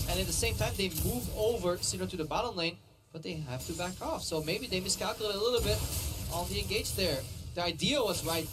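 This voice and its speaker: High-voiced male esports analyst over music. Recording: music under the voice.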